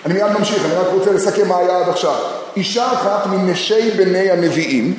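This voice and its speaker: A man teaches a scripture lesson, reading verses aloud and pressing his listeners with questions. His voice sits fairly high for a man. It rings through a large hall with a long echo and a little background noise. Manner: lively, asks the audience many questions and reads verses aloud. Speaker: Bible teacher. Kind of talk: lecture on scripture. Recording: echoey hall with faint noise.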